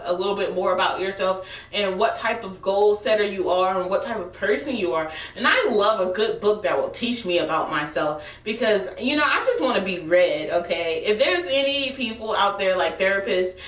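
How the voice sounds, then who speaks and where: A woman's voice: medium pitch, a bit bright, reverberant, recorded from a distance. A woman hosting her channel, chatting casually to viewers in a playful, informal, slangy way. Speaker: tarot channel host.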